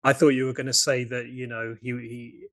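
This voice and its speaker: Man, podcast host, mid pitch, dry close sound, wry quips, teasing questions. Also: little pitch movement, fairly quick, no room sound. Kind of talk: casual interview chat.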